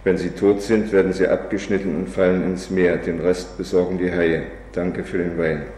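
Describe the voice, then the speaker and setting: A man's voice: low voice, level tone, normal speed, darkish tone, lightly acted. Man reading a blunt sailor messenger. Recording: echoey hall, faint background noise.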